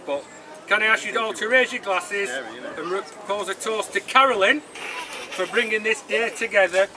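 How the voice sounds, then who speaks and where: A man giving a rambling, halting best man speech at a wedding, informal and joking. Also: sits high. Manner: halting, joking, informal, loses his thread. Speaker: wedding speaker giving toasts. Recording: noisy outdoor recording with loud crowd. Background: crowd noise and ambience.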